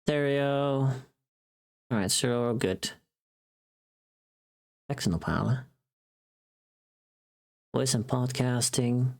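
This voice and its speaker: A woman livestreamer chats casually with her viewers in a rumbling low, slightly mellow voice, speaking slowly and pausing often. She is playful, teasing and bluntly informal, reacting to the chat.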